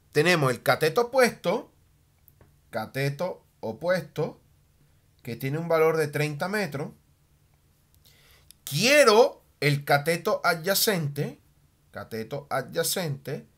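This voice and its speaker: A man teaching a math lesson at a board, animated, often checking in with a quick "ok?" and slowing down on key terms as he writes. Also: a little high. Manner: slows down and stretches key terms while writing.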